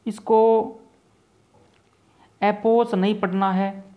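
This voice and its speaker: A man teaching an exam-prep vocabulary lesson, explaining each word slowly and repeating points, with English terms mixed into Hindi. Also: sits high, level tone, lo-fi sound.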